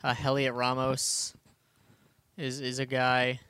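A man on a casual sports podcast with a smooth, clear voice. He talks with eager energy and reads statistics aloud on a dry, close mic. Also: medium pitch, completely flat delivery, bright, forceful tone, dry recording. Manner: quick, enthusiastic, reads stats aloud. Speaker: podcast co-host.

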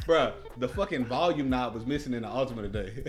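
Animated storytelling man, loud music behind. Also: mid-range voice, fairly quick. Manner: animated, profane, acts out quotes in voices; says "bro" often. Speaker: podcast co-host. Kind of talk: casual storytelling chat.

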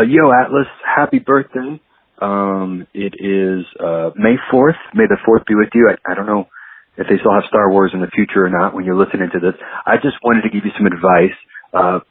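A man leaving a laid-back, halting, joking voicemail, heard over a phone line. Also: deep voice, husky, no room sound.

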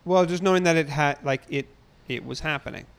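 A man's voice: on the high side, fairly quick, gravelly, smooth. A man who is a guest on the chat, talking casually as the groom in a reflective, hesitant way.

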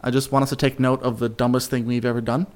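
A man's voice: mid-range voice, flat delivery, fast, clean tone. A man co-hosting a podcast in casual chat, teasing his partner with dry, mock-serious remarks. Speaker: podcast co-host.

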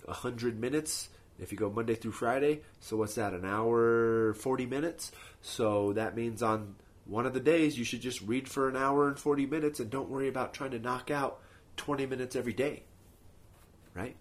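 Husky-voiced man giving casual productivity advice. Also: medium pitch. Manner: practical motivational coaching, checks in with rhetorical tags. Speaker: host of a productivity podcast. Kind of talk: casual advice monologue, speaking off the cuff.

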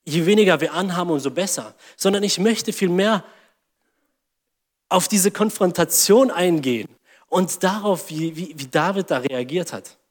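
A man's voice: high-pitched, normal speed, in a large hall. A man preaching a sermon, reading scripture aloud and acting out mocking inner voices.

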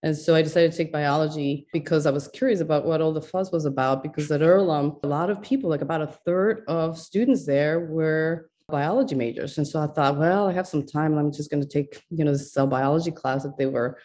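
A woman's voice: low voice, a little fast, few pauses, mellow. A middle-aged woman from Ecuador, a neuroscientist, speaking thoughtfully in an interview with many fillers and restarts. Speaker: neuroscientist guest.

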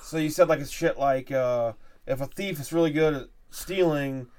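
A man's voice: fairly high pitch, moderate pace, a little mellow. A man co-hosting a casual chat, teasing his friend and steering the talk with questions. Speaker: podcast co-host.

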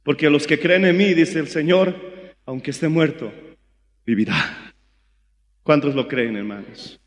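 Fervent high-voiced Bolivian preacher. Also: male voice, unhurried, big-room sound. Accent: Bolivian Spanish. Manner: fervent preaching, rising to shouts. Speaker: pastor. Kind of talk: sermon.

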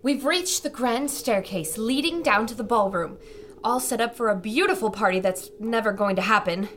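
A woman's voice: fairly high pitch, moderate pace, fairly bright tone, slight background noise, natural voice. A woman playing a watchful young adventurer who calls out what she sees. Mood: wistful.

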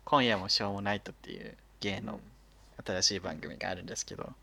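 A man's voice: low voice, fast, vocal fry, pushed and bright, a little hiss or hum. A man co-hosting a casual podcast chat, teasing his partner and giggling a lot. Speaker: podcast co-host.

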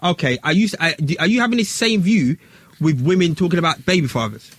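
A man with a London roadman accent tells stories in casual conversation. His voice is fairly high and very animated, with a husky edge. He leans on street slang and repeats himself for emphasis. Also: fast talker, dry recording. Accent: London, urban street.

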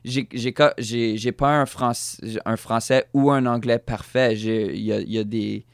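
A man with a Fransaskois French accent chats as a podcast guest, often restarting his words and mixing in English phrases. His voice is smooth and resonant. The sound is dry and close on a studio mic. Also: mid-range voice, flat delivery, normal speed, no room sound. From Saskatchewan, Canada. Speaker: guest musician. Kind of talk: casual podcast conversation.

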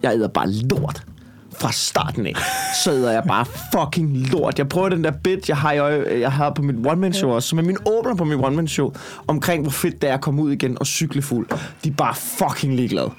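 Man, Copenhagen Danish accent, stand-up comedian, swearing, rambling storytelling, slightly high voice. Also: animated, few pauses, slight background noise. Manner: profane, rambling, heated. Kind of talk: casual chat, storytelling.

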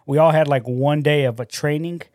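A man co-hosting a casual podcast, rambling through work stories in an animated way and swearing a lot. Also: on the high side, normal speed, dry recording, studio quality. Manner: rambling, profane, animated storytelling. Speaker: podcast co-host and store manager.

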